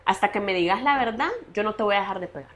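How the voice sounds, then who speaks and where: A man's voice: high-pitched, fast talker, a bit bright. Woman quoting a jealous, accusing husband. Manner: demanding, accusing. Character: angry jealous husband, young adult man.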